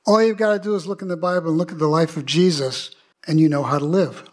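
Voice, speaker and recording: A man's voice: fairly high pitch, quick pace, darkish tone. An older man, a pastor, preaching a sermon in an earnest way and reading scripture aloud.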